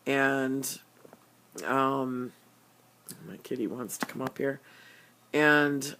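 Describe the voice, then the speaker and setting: An older woman telling a personal story, halting and earnest, with stammered restarts and many fillers. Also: very deep voice, fairly even intonation, fairly bright tone. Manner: earnest, openly emotional.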